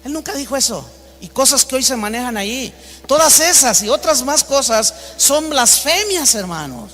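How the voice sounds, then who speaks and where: A man's voice: extremely high pitch, sing-song, moderate pace, fairly bright tone. A Mexican man preaching a sermon as pastor, speaking emphatically and acting out quoted people in a raised voice. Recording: long reverb of a large hall.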